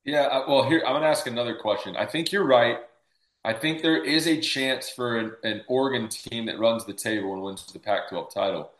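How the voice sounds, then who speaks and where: A man's voice: mid-range voice, brisk, fairly bright tone. A man giving casual sports analysis as a panelist, posing questions and answering them himself. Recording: echoey room sound.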